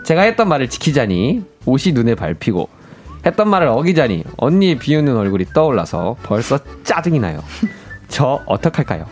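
Lively male radio guest, mid-pitched. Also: fairly quick, faint music behind. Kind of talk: casual radio chat and dramatic story reading.

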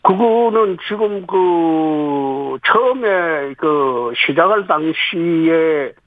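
A man, a city government official, answering radio interview questions and explaining policy point by point with pauses. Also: fairly high pitch, lively intonation, no room sound. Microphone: phone. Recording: tinny phone line.

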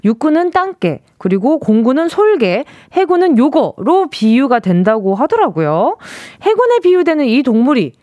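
A high, bouncy female radio DJ hosting a listener quiz from the studio. Her voice swings widely as she reads messages and mimics the sounds they describe. The sound is close and dry, with no room echo. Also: sing-song, moderate pace, hardly any pauses, mellow, lo-fi sound. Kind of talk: radio call-in quiz chat. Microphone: studio microphone.

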